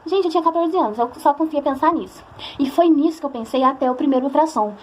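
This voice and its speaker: Brief: young Brazilian woman, emotional confessional vlog, quick delivery, faint hum behind. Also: high voice, a little mellow. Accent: Brazilian Portuguese. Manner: chatty, emotional, acts out quoted voices. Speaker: vlogger. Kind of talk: personal storytelling to camera.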